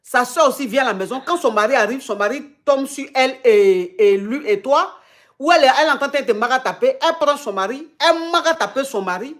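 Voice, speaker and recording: A woman's voice: sits high, animated, fairly quick. A woman with an Ivorian French accent hosting a call-in advice show, retelling a caller's story back to her with many repeated phrases. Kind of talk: live call-in advice chat.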